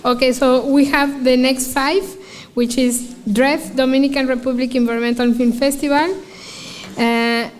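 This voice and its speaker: A woman moderating a conference session, briskly introducing speakers and urging them to hurry. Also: high voice, level tone, a little hiss or hum.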